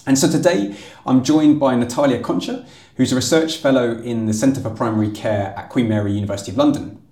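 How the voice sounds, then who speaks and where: A man's voice: medium pitch, brisk, darkish tone, reverberant. A man hosting an interview podcast, introducing his guest and asking conversational questions. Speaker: podcast host.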